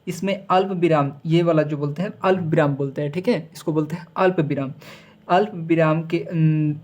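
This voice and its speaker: A male schoolteacher talks students through a grammar lesson. He slows right down to read each answer aloud, tags lines with quick checks, and drops in English words. When he slips he corrects himself with a quick "sorry". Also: a little high, darkish tone. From Bihar, India. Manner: reads answers out slowly, with frequent "ठीक है" checks; self-corrects with "sorry" mid-sentence. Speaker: teacher. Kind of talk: recorded class lesson.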